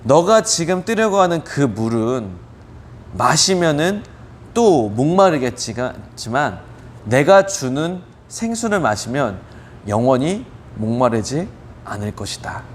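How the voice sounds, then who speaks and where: Brief: a calm, authoritative Jesus in a retold Bible story, as a male preacher quotes him, solemn and gentle. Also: mid-range voice, takes it slowly, a little hiss or hum.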